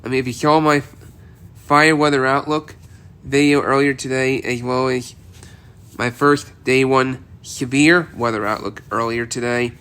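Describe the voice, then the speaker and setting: Stuffed up from a cold, a man delivers a relaxed weather outlook in a mid-range voice that is pushed and bright yet clear and resonant, with fairly even intonation and no rush. His delivery rambles through many restarts and repetitions.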